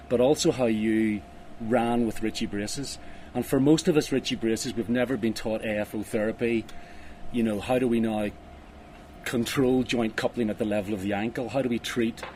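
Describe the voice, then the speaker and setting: A man's voice: mid-range voice, a little mellow. A man conducting a conversational interview on camera, speaking outdoors on a ski slope. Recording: noisy outdoor recording with ambient sound.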